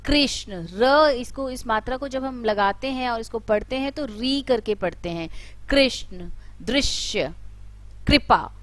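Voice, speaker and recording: A woman teaching letters, explaining step by step and drawing out each example word slowly and loudly. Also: high-pitched, no echo. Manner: drawn-out, loud example words. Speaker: Hindi teacher. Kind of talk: explanatory lesson.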